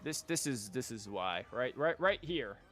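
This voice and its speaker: A man chats casually while livestreaming a game from indoors, wry, sarcastic, and rambling, over background game music. He speaks a little slowly in an expressive, medium-pitched voice that's fairly bright.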